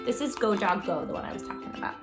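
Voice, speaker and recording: Loud music plays behind a fast-talking woman with a medium-pitched voice and lively intonation. She hosts a children's storytime, giving an expressive picture-book reading and speaking to the young listeners directly and with great enthusiasm.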